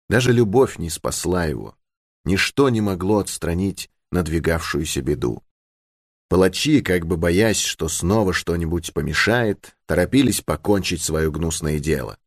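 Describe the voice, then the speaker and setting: Male audiobook narrator, low and lively, dry close sound. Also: no room sound. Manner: expressive storytelling. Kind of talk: scripted narration.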